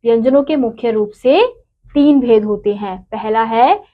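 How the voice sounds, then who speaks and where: A woman teacher giving a grammar lesson to children, slowly spelling out each syllable and example word. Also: fairly high pitch. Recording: dull lo-fi recording.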